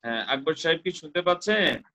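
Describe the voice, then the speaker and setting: A man's voice: fairly high pitch, lively intonation, fairly quick, sharp tone. A male teacher giving an online recitation lesson on a video call, patiently drilling syllables and repeating corrections. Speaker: Quran Arabic teacher. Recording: dull lo-fi call audio.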